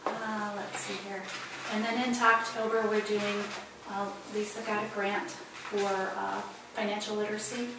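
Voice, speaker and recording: A woman giving a program report at a board meeting, with many pauses and fillers. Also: medium pitch, little pitch movement. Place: meeting room. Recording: distant mic in echoey room, noisy.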